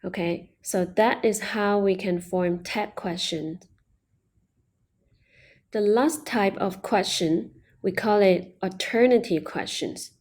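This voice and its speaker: A woman leads an online language lesson at an unhurried pace. Her voice is soft and mellow, and she patiently explains each step. She slowly models every example phrase. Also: medium pitch. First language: Mandarin Chinese. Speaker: Chinese language teacher.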